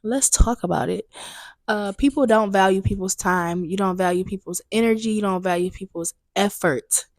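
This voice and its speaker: Venting in a candid, chatty way and repeating herself for emphasis, a young podcast host talks solo in a booked studio. She speaks at normal speed in a mid-range, darkish, slightly stuffy voice, captured dry and close with no echo.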